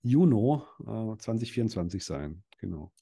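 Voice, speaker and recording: A man's voice: fairly low pitch, very animated, moderate pace, creaky, mellow, slightly rough. A young adult man, a podcast guest, talking casually with many fillers and restarts. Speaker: podcast guest, dental practice owner and event organizer. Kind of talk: casual interview chat.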